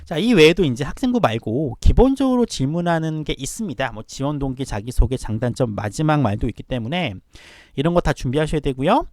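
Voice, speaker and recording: A man teaching an online lecture at a quick clip, his voice bouncing up and down as he fires rhetorical questions at his students. The tone is fairly high yet mellow, and the sound is close and dry. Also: expressive, dry recording. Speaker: admissions tutor.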